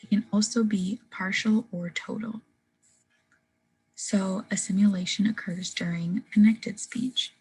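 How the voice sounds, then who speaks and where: A woman's voice: mid-range voice, steady tone, unhurried, a little mellow, low-quality recording. A young woman giving a class presentation on phonetics, earnest and full of "um" fillers. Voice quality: very husky. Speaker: student presenter.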